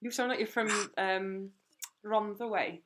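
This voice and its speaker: A woman's voice: mid-range voice, steady tone, measured pace, background noise. A Welsh woman chatting casually over a video call, telling stories and laughing often. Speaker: guest. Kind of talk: casual chat.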